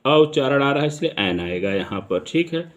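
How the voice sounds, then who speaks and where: A man with an Indian accent teaching a grammar lesson in Hindi, reading English example sentences slowly, one word at a time, and explaining each step. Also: medium pitch, lively intonation.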